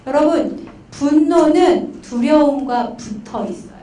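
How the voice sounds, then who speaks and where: Middle-aged woman counselor, high voice, animated storyteller, distant mic in a roomy hall. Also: measured pace. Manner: animated storytelling with acted quotes. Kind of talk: conference talk. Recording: echoey hall from far off.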